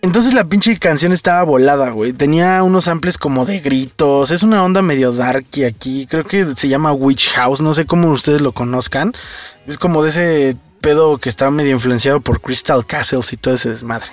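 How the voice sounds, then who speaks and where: A podcast host with a Mexican Spanish accent spins a story in loose, profane slang. His voice sits a little high for a man, and the sound is close and dry. Soft music plays faintly behind him. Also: normal speed, dry recording. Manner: slangy, swears freely, animated storyteller.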